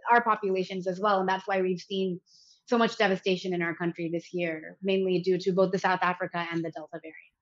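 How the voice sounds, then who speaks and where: Her voice sits lowish with fairly even intonation and a brisk pace, captured on dull-sounding audio. She's an American health company founder being interviewed, earnest and articulate, laughing lightly now and then.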